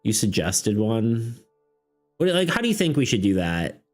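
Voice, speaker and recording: Lively, laughing man running a game. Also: lowish voice, normal speed. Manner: rambling, laughs often, talks to chat. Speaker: game master and streamer. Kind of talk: casual live-stream chat, running a tabletop game. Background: faint background music.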